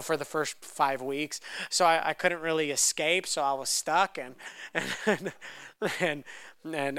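A young man with Romanian as his first language gives a sermon woven with a personal story, repeatedly restarting on words as he works up to loud, fervent moments. His voice is slightly high and smooth. The recording is dry and of studio quality.

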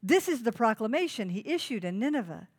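Emphatic woman preaching, high voice. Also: very animated, fairly quick, husky. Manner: emphatic, repeats key phrases for note-taking; asks the listeners direct questions. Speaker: pastor. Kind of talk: sermon.

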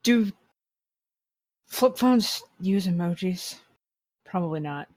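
A woman's voice: lowish voice, animated, takes it slowly, darkish tone, no echo. A woman player at a tabletop game, talking casually with a wry, sarcastic edge.

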